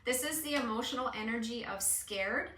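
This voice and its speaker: A woman's voice: a little high, moderate pace, bright, forceful tone. A woman hosting a card reading in casual conversation, instructive and often checking that the listener agrees. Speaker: host giving a card reading. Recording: echoey room, distant mic.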